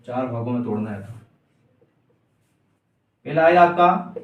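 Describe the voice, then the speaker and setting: A man's voice: medium pitch, lively intonation, unhurried, recorded from a distance, lo-fi sound. A man teaching a grammar lesson for exam prep, asking the class questions and answering them himself. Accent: Indian Hindi. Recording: echoey room, voice from off-mic.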